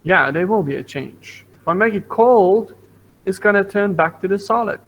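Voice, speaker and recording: A man's voice: high-pitched, animated, moderate pace, a bit bright, rough recording. A man teaching a science lesson to a primary school class over an online video call, patient, repeating points and asking the class questions. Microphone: computer mic on video call.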